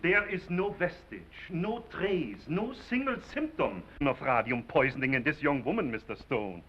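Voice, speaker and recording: Pompous doctor, animated delivery. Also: male voice, on the high side, normal speed, husky. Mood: stern, emphatic. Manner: formal, emphatic, declamatory. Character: pompous foreign specialist doctor, precise, self-important man. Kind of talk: 1930s screwball film acting. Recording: muffled, hissy 1930s film soundtrack.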